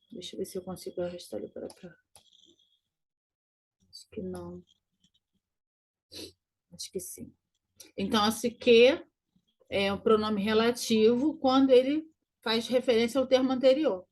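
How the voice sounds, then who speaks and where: Woman teacher going over exam answers, fairly high voice, repeats words slow and clear. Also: darkish tone. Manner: explains step by step, repeats key words slowly. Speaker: Portuguese teacher. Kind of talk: recorded exam walkthrough lesson.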